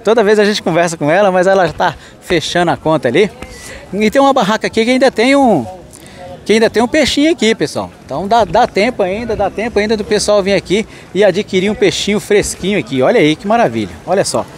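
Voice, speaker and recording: A man's voice: high-pitched, lively intonation, fast. A man from Mato Grosso do Sul filming a walking tour of an outdoor street market, greeting vendors and thanking his followers. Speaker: market vlogger.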